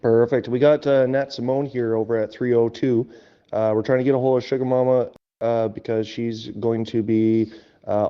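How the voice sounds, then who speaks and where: A man's voice: fairly low pitch, mellow, highs cut off. A man dispatching on a convoy trucker CB-style radio channel, using radio lingo with frequent uh fillers. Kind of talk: live radio channel chatter.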